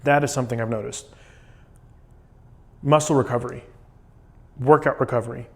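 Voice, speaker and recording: A man's voice: mid-range voice, steady tone, normal speed, creaky, a little mellow. A man talking casually and explaining things in a vlog monologue while sitting in ice cold water. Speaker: vlogger documenting a cold plunge challenge.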